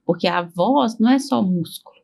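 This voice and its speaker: A woman's voice: medium pitch, moderate pace, vocal fry, warm tone. A woman speech therapist in an interview, explaining casually with relatable comparisons.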